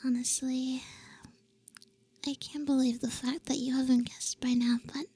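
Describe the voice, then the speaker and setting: A young woman whispering a roleplay for the listener in a soft, teasing, affectionate way, with breathy little hums between phrases. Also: sits high, little pitch movement, measured pace. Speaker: audio roleplay performer.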